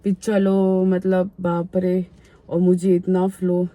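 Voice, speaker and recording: Brief: woman in her thirties, casual vlogger talking openly while unwell; voice on the mellow side. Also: lowish voice, completely flat delivery, takes it slowly, dry recording. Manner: frank, chatty, talks openly. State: unwell, feeling poorly. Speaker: family vlogger. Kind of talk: casual vlog chat.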